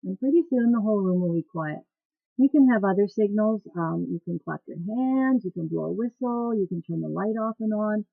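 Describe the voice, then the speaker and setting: A woman's voice: mid-range voice, expressive, moderate pace, vocal fry, dry recording. A woman teaching dance cueing instructors how to care for their voices, in a plain, practical teaching tone. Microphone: webcam. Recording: tinny phone-like webcam recording.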